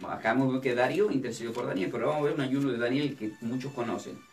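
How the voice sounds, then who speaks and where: A man's voice: medium pitch, fast. A man, a pastor teaching a Bible study sermon, who asks his listeners questions and then answers them himself. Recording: distant mic with faint music.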